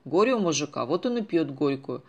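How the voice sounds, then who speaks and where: A man voicing a self-important, folksy small-town drinker who talks loudly. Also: on the high side, sing-song, brisk, highs cut off.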